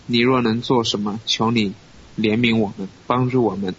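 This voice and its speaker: Male scripture reader, steady and measured, on a dull recording with faint hiss. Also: fairly low pitch. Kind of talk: reading scripture aloud.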